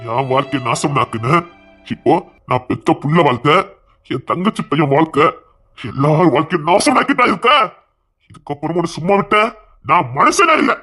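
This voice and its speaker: A man with a Tirunelveli accent playing a grim, vengeful middle-aged father who speaks slowly and threateningly. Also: on the high side, lively intonation, pushed and bright, soft background music. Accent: Tirunelveli Tamil. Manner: grim, threatening, slow and heavy. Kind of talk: comedy skit drama.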